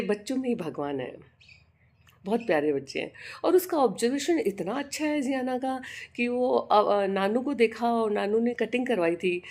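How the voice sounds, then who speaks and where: An older woman chats casually in a vlog, sharing fond stories about her granddaughter and raising her pitch to imitate the child. Her tone is darkish.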